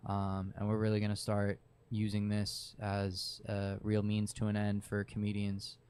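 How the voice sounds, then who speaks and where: Low, smooth-voiced male podcast host. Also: completely flat delivery, measured pace, darkish tone. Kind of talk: casual podcast chat.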